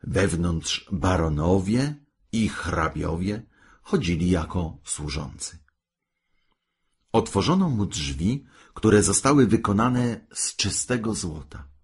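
A low-voiced man tells a fairy tale at an unhurried pace. His husky, breathy tone carries lively rises and falls in pitch. He reads expressively, like a storyteller.

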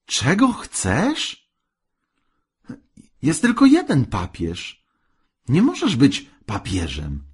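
A frightened storybook fisherman who begs and stammers in a raised, strained voice, played by a man reading the tale. His tone is breathy and husky, and his pitch rises and falls widely. He sounds hesitant and anxious throughout. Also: big pitch swings, takes it slowly, a little mellow, exaggerated voice. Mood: dismayed. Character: timid fearful old fisherman husband.

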